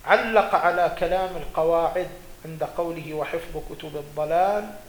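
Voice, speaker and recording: A man's voice: a little high, normal speed. A male religious scholar gives a seminary lecture, reading quoted legal texts aloud and then explaining them. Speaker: religious scholar teaching jurisprudence. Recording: echoey room with faint ambience.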